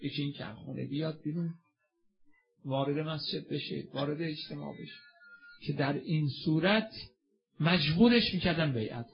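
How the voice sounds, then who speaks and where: A man's voice: a little high, gravelly, long pauses, highs cut off. A man preaching a religious sermon with a passionate delivery, asking the audience questions and answering them himself. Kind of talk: religious sermon and mourning recitation.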